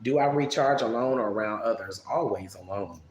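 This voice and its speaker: A man casually answering viewer questions on a live stream, relaxed and chatty, musing aloud as he thinks. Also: on the low side, a little fast. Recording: echoey room with faint background noise.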